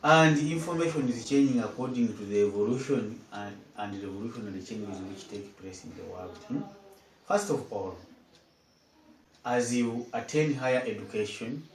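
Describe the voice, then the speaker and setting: A man's voice: mid-range voice, a little hiss or hum. Man in his fifties, echoey room. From Uganda. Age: 50s. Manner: measured, formal phrasing with repeated words. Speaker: guest, head teacher. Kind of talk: formal interview answers. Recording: echoey room, mic at a distance.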